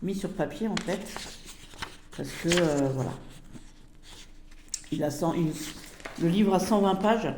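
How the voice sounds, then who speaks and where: A woman's voice: on the low side, takes it slowly, pauses often, mellow, slight background noise. A woman casually reviewing a tarot deck, chatty and hesitant with many fillers.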